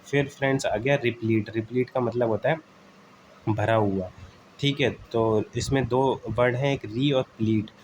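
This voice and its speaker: Teaching exam vocabulary casually, this man uses memory tricks to explain words, addresses listeners as "friends," and keeps checking in with "okay" and a frequent "theek hai," filling gaps with "uh." His steady, mid-range voice has a darkish tone, and the poor audio carries slight background noise.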